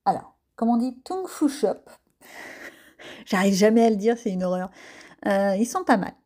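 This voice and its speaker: A woman's voice: medium pitch, steady tone, normal speed, dark tone. A woman giving a casual voice-over of her coloring session as an art vlogger. She talks in a chatty, self-mocking way, with frequent hesitant fillers.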